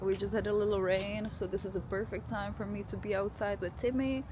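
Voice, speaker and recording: Woman, thirties, Czech accent, mid-pitched voice, talking right at the viewer, outdoor vlog with crickets and cars behind. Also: fairly even intonation, brisk. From Czech Republic. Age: 30s. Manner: emphatic, addresses the viewer directly. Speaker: vlogger. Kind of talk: motivational talk to camera. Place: outdoors in a neighborhood after rain, walking a dog. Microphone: self-filming camera with face tracking. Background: crickets, insects and traffic.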